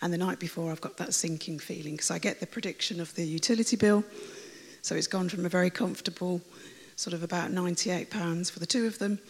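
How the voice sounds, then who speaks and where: A woman with a raspy, croaky voice that always sounds like she has a cold, chattily telling her testimony to a church congregation, rambling with fillers and restarts. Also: on the low side, fast. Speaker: church member giving a testimony. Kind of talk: personal testimony told to a congregation. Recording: long reverb of a large hall.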